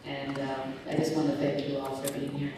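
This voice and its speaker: A woman's voice: a bass voice, completely flat delivery, normal speed, over loud music. Earnest woman storytelling in an echoey hall. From Squamish Nation, Canada. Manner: earnest, heartfelt. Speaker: guest speaker. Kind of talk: personal storytelling talk. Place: large hall. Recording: echoey hall recording from far off.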